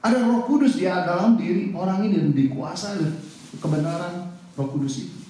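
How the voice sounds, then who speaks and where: A man preaching a sermon as pastor, animated and joking with his congregation. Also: high voice, brisk, distant mic. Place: church hall. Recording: echoey church hall, mic off. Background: congregation responding.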